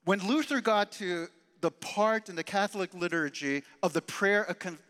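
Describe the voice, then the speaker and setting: A man preaching a sermon as pastor, emphatic and animated, sometimes dropping his voice very low and soft. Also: moderate pace, in a large hall. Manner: animated, emphatic preaching with dramatic drops to quiet.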